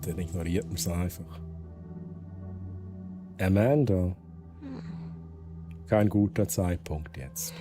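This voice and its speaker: A man's voice: low voice, slow pace, pauses often, over music. A man with a Swiss German accent, chatting casually to viewers while he plays a game. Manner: relaxed, chatty, says goodnight to viewers. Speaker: game streamer. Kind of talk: casual gameplay commentary, reading in-game texts aloud.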